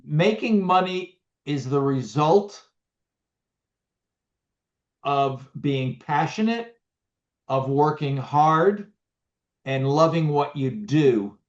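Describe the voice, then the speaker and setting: A middle-aged business owner being interviewed, talking casually with many restarts and fillers over a video call. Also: male voice, on the high side, lively intonation, very slow, pauses often. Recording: muffled lo-fi audio.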